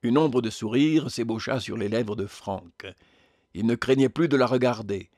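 A man reads a novel aloud at a mid-range pitch, measured and even. His voice is close to the mic and completely dry, with no room sound. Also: dry recording. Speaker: narrator. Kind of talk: audiobook reading.

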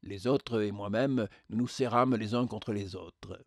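A man narrating an audiobook in a measured, literary reading. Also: lowish voice, darkish tone, no room sound, clean studio sound.

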